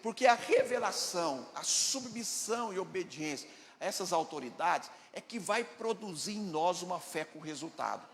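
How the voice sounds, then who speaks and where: A man's voice: high voice, expressive, moderate pace, a bit bright, a little hiss or hum. A Brazilian man, a pastor preaching a sermon, emphatic, asking the congregation questions and acting out dialogues. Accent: Brazilian Portuguese. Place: church hall. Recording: echoey church hall, faint ambience.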